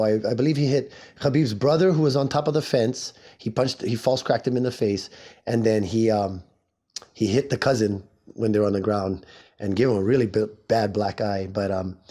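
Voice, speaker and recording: A man in his forties from Hawaii hosting a casual solo podcast. He sounds hoarse and talks in a rambling, chatty, self-mocking way. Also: mid-range voice, dark tone. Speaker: podcast host.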